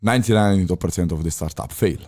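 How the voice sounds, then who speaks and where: This deep-voiced, slightly mellow man from Italy is in his thirties and used to be a chef. Appearing as a podcast guest in a casual interview, he speaks halting non-native English with lots of fillers and restarts.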